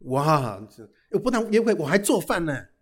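Husky-voiced man preaching with playful humor. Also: on the high side, moderate pace. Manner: lively storytelling with frequent "哈" tags and English phrases. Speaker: pastor. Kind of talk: humorous sermon.

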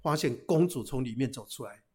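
A man telling a folk tale aloud in a lively, chatty way, with frequent hesitations and restarts. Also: medium pitch, fairly quick, slightly rough. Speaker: storyteller.

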